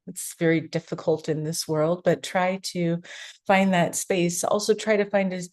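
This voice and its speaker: A woman with a fairly low voice gently instructs a guided meditation, taking her time and pausing at length between phrases.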